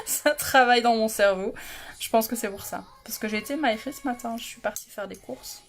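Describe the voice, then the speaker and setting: A fairly high-voiced woman chats casually through a makeup livestream from home. She is giggly and self-mocking, and she greets her viewers by name. Soft music plays faintly behind her. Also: big pitch swings, normal speed. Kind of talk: casual live makeup chat.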